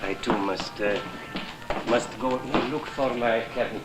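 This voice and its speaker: A man playing a slow, halting salesman. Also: mid-range voice, steady tone, close to an everyday voice, low-quality recording. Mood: polite. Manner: hesitant, halting, overly polite. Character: fawning Turkish tobacco salesman, polite and eager. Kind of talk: film acting. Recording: film soundtrack with music.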